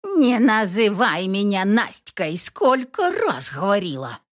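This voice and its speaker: Woman doing a shouting old village granny, scolding, rustic dialect, lively swooping voice, storybook. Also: mid-range voice, takes it slowly, pitched above the performer's own voice.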